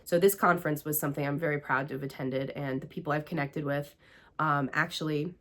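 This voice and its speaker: Recapping her year casually on her own show, this American-accented podcast host and priestess, with roots in Greece and the United States, gushes and chats with many fillers. Her voice sits low, with fairly even intonation and a fairly quick pace.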